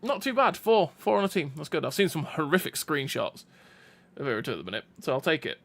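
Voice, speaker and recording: A man's voice: on the high side, very animated, gravelly, fairly bright tone. A man giving casual gameplay commentary, chatty and thinking aloud as he plays. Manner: chatty, thinks aloud with restarts and quick reactions.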